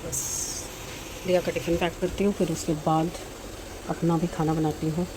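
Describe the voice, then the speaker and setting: A woman's voice: sits low, flat delivery, moderate pace. A middle-aged woman casually vlogging at home, chatting as she works through her chores and cooks in her kitchen. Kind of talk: casual home vlog narration. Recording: frying sizzle and household noise behind.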